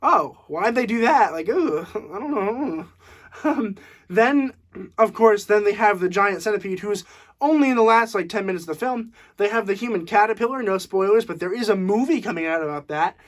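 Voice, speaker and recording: A man's voice: sits high, fairly quick. Young guy ranting about a movie at home, laughs a lot, lots of "like" and "um". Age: young adult. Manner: animated, laughing, with frequent fillers. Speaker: movie reviewer. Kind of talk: casual movie review. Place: room at home.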